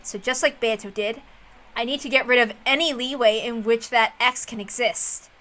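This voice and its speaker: In a visual novel, a woman voices a calculating sorcerer brooding over a mystery duel. Her high, bright voice carries a serious, deliberate, dramatic delivery with fairly even intonation.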